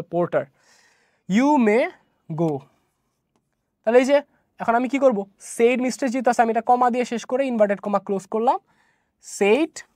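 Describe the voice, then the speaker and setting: A woman teaches an online exam-prep English lesson and works through each step. She keeps pausing to ask checking questions. Her voice sits at a middle pitch and is recorded close with a dry sound. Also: dry recording.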